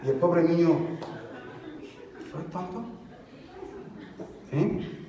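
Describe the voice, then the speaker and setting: A man's voice: a little high, expressive, very slow, recorded from a distance, a crowd in the background. A male pastor preaching a sermon, acting out little scenes and leading his congregation in call-and-response. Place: church sanctuary. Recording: echoey church hall, voice from afar.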